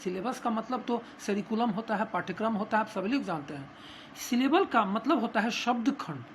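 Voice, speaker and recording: A male English teacher with an Indian accent giving a grammar lesson, explaining terms slowly with hesitant pauses and frequent fillers. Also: high voice, lively intonation, a little hiss or hum. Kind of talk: classroom grammar lesson, Hindi mixed with English.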